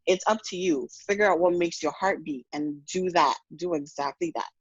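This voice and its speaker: A woman's voice: lowish voice, moderate pace, breathy edge, no echo. Woman from Ghana, podcast guest; earnest, frank, self-correcting; lo-fi dry recording. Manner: earnest, frank, with many restarts and "you know". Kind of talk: casual podcast conversation.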